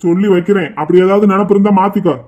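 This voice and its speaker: A man's voice: high voice, fairly even intonation, very fast, muffled recording, natural voice. A man voicing a bossy, hot-tempered adult brother who scolds and threatens, in a cartoon. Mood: scolding. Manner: scolding, rude, shouting.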